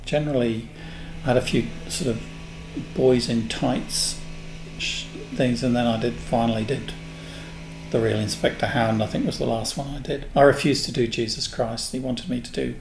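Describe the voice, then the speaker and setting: A man in his sixties from England, a guest in an interview, telling unhurried stories about his past. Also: medium pitch, fairly even intonation, gravelly. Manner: unhurried, anecdotal storyteller. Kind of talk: reminiscing in a casual interview. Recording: echoey room with faint noise.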